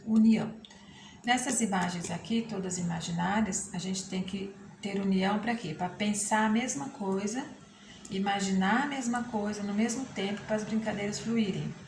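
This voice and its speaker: A woman's voice: medium pitch, fairly even intonation, moderate pace, creaky. A woman teacher with a Brazilian Portuguese accent gives a remote lesson from a textbook, patiently checking in with her students. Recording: echoey room with background noise.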